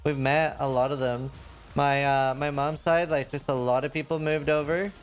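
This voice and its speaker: A man's voice: medium pitch, little pitch movement, moderate pace, soft background music. A man from Norway, a game streamer rambling in casual chat, full of fillers and restarts.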